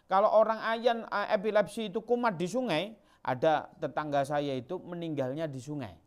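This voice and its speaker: Preacher, slightly high voice. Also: male voice. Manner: chatty storytelling, sudden jumps into acted voices, local slang. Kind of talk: sermon.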